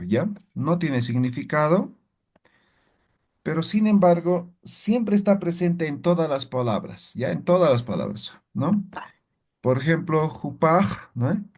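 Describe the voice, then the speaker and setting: A man's voice: a little high, a little mellow. A man teaching a language class, explaining step by step and checking in with frequent tag questions. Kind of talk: classroom lesson.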